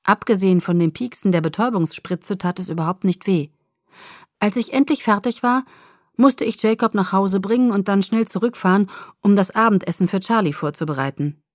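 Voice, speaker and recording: A woman's voice: mid-range voice, fairly quick, no echo, clean studio sound. Woman reading a novel aloud. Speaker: audiobook narrator. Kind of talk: first-person audiobook narration.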